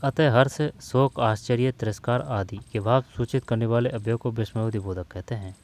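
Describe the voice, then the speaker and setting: A man's voice: mid-range voice, darkish tone. A man teaching a Hindi grammar lesson, listing words and repeating them so students memorize them, calling listeners brother. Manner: slow, repeating terms to drill them, addresses students as brother.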